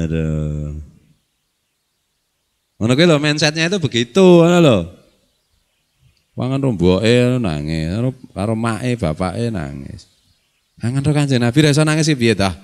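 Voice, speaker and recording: Teaching a study circle, this middle-aged Javanese-accented scholar has a mid-range, darkish, sing-song voice, keeps a moderate pace, and pauses frequently. He jokes and laughs through the relaxed religious talk, reciting Arabic and mixing in local and Arabic expressions.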